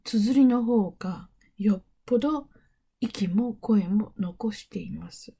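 A middle-aged woman explains things in a calm, unhurried lecture. Her voice is warm and mellow with a husky edge, and now and then she sinks to a near whisper. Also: mid-range voice. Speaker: English interpreting teacher.

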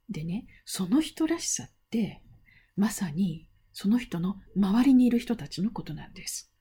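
A middle-aged woman giving a relaxed spoken lesson with a slightly husky, warm voice. She talks in a chatty, playful way, tossing out rhetorical questions and slipping into soft breathy asides. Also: mid-range voice. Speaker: interpreting instructor. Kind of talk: casual spoken lesson answering a student question.

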